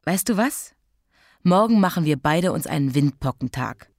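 A patient young mother who speaks calmly and teases gently, as a woman reading a story voices her. Her voice sits a little low and even. The sound is dry and close. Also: moderate pace, vocal fry, dry recording, full character voice. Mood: gentle. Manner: calm, matter-of-fact, gently teasing.

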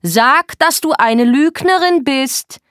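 A woman reading a controlling, volatile young man in an audiobook. He drags out his words with slow menace and can erupt into shouting. The sound is dry and close. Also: deep voice, little pitch movement, dry recording. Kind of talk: audiobook dialogue.

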